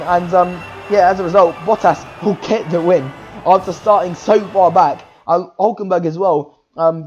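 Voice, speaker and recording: A man hosting casual sim-racing commentary, excitable and rambling, with lots of "um" fillers as he runs through results. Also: high-pitched, highs cut off. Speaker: race commentator and series host.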